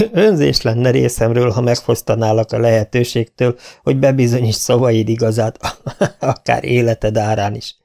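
Egy férfi, aki egy gúnyos, kegyetlen fiatal herceget szólaltat meg, nevetős megvetéssel. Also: male voice, mid-range voice, expressive, creaky, mellow. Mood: mocking. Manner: sneering, laughing scorn. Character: cocky cruel young prince, mocking.

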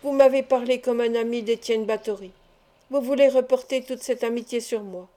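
Earnest young suitor, imploring, warm lighter voice, audiobook read by a woman. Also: fairly high pitch, steady tone, moderate pace, lightly acted. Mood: pleading. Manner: emotional, imploring. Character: earnest young man in love, pleading.

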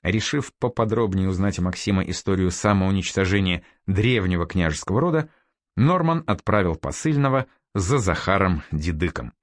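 Brief: male audiobook narrator, low and lively reading, dry close-mic sound. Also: moderate pace, dry recording. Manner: expressive storytelling reading.

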